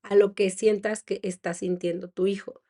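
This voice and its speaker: A woman in her thirties, a psychologist, talks through a parenting topic in a relaxed, reflective way. Her voice is warm and mellow, at a middle pitch for a woman. She pauses on fillers and lets small laughs slip in. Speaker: psychologist and podcast host. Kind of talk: casual monologue on parenting.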